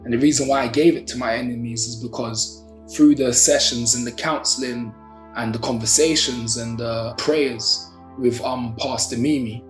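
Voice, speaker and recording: Man, South London accent, reflective personal storytelling, deliberate wording, echoey room, music behind. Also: medium pitch, fairly even intonation. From Brixton, South London. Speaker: social entrepreneur, activist and poet telling their story. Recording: roomy echo, music underneath.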